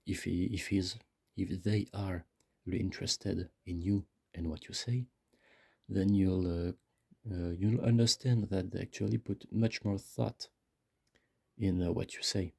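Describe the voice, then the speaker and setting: A man's voice: low voice, creaky, mellow, husky. A man speaking very close to the microphone in a casual, rambling monologue, hesitant and often searching for his words. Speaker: video creator. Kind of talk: casual rambling monologue, self-help musing. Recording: close-miked with mouth clicks.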